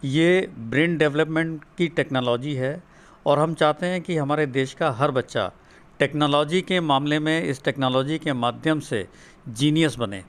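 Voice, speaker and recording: A man's voice: on the high side, normal speed. A middle-aged man from Uttar Pradesh, a father answering interview questions and explaining things earnestly and steadily. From Uttar Pradesh, India. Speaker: guest, father of a student.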